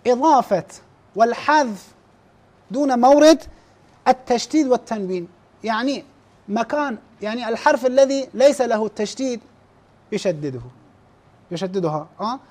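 A man with a very high-pitched voice leads a classroom lesson on recitation. He explains how errors are graded in a plain teaching manner. He often restarts words and clears his throat. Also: animated, darkish tone. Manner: explains scoring plainly, slows down to demonstrate recited verses.

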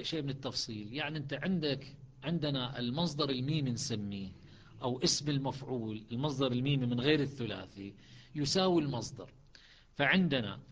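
A man patiently teaching the variant readings of Quran recitation, explaining methodically with frequent pauses and restarts. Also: medium pitch. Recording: dull lo-fi recording.

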